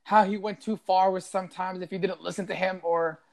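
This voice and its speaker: A podcast co-host talks sports in a loose, casual way, filling every pause with "bro" and "like." The words come out fast. The pitch sits in a middle range. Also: steady tone, creaky. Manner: loose and quick, lots of fillers like bro and like.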